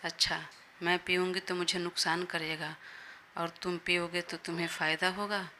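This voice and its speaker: A woman's voice: lowish voice, little pitch movement, moderate pace, sharp tone, slight background noise. A woman voicing a stubborn, playful young wife who teases, in a Hindi audio story.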